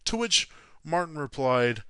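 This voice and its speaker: A man's voice: a little high, sing-song, unhurried, sharp tone, clean tone, no echo. A man narrating a sports history story from a script, sarcastic and self-mocking, with frequent swearing. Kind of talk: read-from-script narration with jokey asides.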